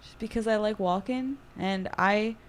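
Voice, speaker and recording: A woman's voice: medium pitch, measured pace, a little hiss or hum. A woman on a casual podcast chat, talking in a light, chatty way. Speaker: podcast guest.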